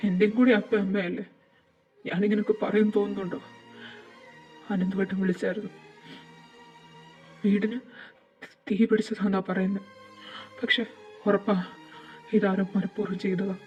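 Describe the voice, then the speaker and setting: A woman reading a fan fiction audio drama, voicing every character in a dramatic, halting way. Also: mid-range voice. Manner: dramatic, voices all characters, halting with grief. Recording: dull lo-fi with faint music.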